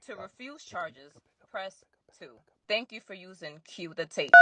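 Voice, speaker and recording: A woman's voice: fairly low pitch, animated, sharp tone. Woman's automated collect-call phone prompt. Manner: measured, formal announcing. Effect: automated prison collect-call phone message.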